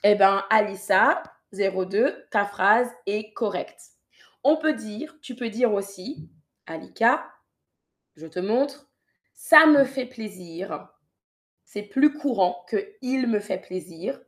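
A woman's voice: medium pitch, lively intonation, slow. A woman teaching French on a live stream, reading viewers' sentences and patiently correcting them, often repeating her instructions.

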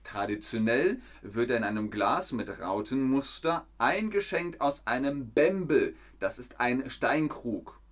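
A man teaching German in a live stream, with a mid-range voice. He keeps turning to the chat, asks his viewers questions and slowly rephrases sentences for learners. Now and then he drops in a playful joke. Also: medium pitch, animated. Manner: playful, joking asides.

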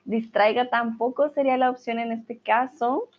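In a live online class, a woman who teaches Spanish works patiently through verb conjugation drills out loud and offers her students reassurance. She speaks a little high, with fairly even intonation and at a moderate pace, over slightly dull lo-fi audio.

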